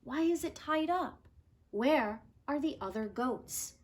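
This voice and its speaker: A woman reads a story meant for children, her voice fairly high and her intonation lively and varied. She paces each phrase unhurriedly, much as a teacher would when sharing a book with pupils.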